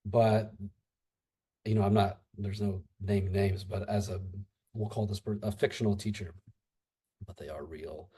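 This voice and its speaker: A man's voice: lowish voice, steady tone, a little slow, mellow, breathy edge. A man who teaches English, a guest in a casual podcast chat, rambling and antsy as he talks. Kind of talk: casual conversation.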